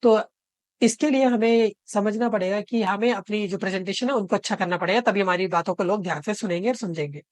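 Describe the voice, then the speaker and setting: A man tutoring online, walking his students through the material step by step. He reads example sentences out slowly and keeps checking in with short tag questions. His voice is close and dry, with no room sound. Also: high-pitched, no room sound. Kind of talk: explanatory lesson mixing Hindi and English.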